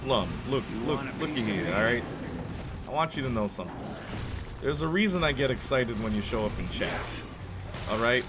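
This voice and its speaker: A man's voice: mid-range voice, expressive, normal speed, pauses often, over music, lightly acted. A man voicing a brash, streetwise male tough guy with a New York accent. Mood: mock-stern. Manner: wisecracking, streetwise. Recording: noisy background hiss.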